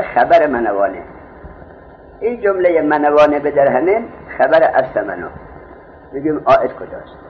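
A man teaching a grammar class, explaining with everyday market examples and answering his own questions. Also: fairly high pitch. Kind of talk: classroom lecture on Arabic grammar. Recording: tinny phone-like lo-fi recording, faint hiss.

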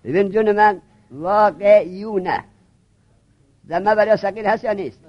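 Teacher, male, high pitch, drills and prods students through a grammar lesson; dull lo-fi recording. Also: steady tone.

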